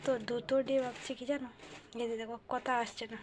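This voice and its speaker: A young woman housewife vlogging to viewers from her phone at home at night, talking softly and hushed because her child is asleep. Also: fairly high pitch, little pitch movement, fast, noisy background. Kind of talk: casual vlog talk to viewers.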